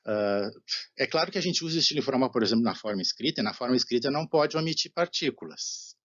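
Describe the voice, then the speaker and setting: A man with a Brazilian Portuguese accent gives a recorded Japanese lecture, explaining patiently, often asking "né?" and slowing down for example phrases. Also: medium pitch, lively intonation, a bit bright, lo-fi sound. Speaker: Japanese language teacher.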